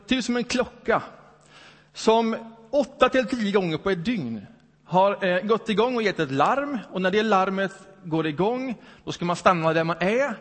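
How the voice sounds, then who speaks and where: A man's voice: sits high, fairly bright tone. A man preaching a Sunday sermon in a conversational way, full of rhetorical questions. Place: church hall. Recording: long hall reverb.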